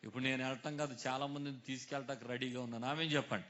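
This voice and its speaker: A man preaching a sermon, calling on his congregation to answer aloud, dropping low and then rising to loud exhortation. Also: fairly even intonation, racing. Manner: calls on the congregation to answer loudly, swings between hushed and shouted. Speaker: pastor.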